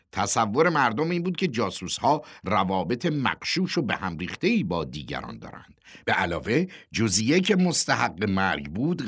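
Reading a first-person novel as an audiobook narrator, a man uses a somewhat low voice. His delivery is measured and expressive, in a storytelling style.

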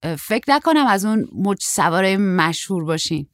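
A woman's voice: medium pitch, expressive, no echo, studio quality, close to an everyday voice. A woman voicing a tall, lanky young male surfer who is shy but blunt and naive. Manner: naive, chatty, raised youthful delivery.

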